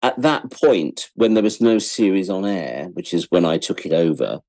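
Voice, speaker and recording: An interview guest, a British writer-producer in his sixties, recounts anecdotes with animation, self-deprecating chattiness and acted-out lines of dialogue. His low voice has a sing-song, darkish quality at normal speed, recorded dry.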